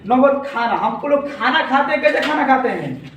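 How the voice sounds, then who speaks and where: A male teacher, giving a classroom lesson in call-and-response style, repeating key words slowly. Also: extremely high pitch, expressive, fairly bright tone. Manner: asks and answers his own questions, repeats key words slowly. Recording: very echoey room, distant from the mic, faint noise.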